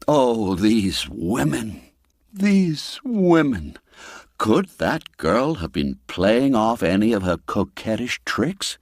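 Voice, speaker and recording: Recorded clean in a studio without echo, a man with a mid-range voice tells a classic ghost tale. He performs it theatrically and expressively, dwelling on the darker words.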